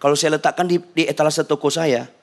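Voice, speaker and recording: A man's voice: on the high side, steady tone, quick pace, vocal fry, pitched above the performer's own voice. A man voicing a blunt, cheeky young male used-phone seller who talks frankly and teases. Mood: blunt teasing. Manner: frank, teasing, matter-of-fact.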